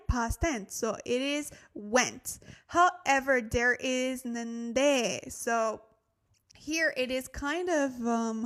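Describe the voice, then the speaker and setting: A woman's voice: sits high, fairly bright tone. A woman hosting a casual livestream language lesson, chatting directly to viewers and thinking aloud as she checks and corrects herself. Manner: addresses viewers directly, thanks new followers.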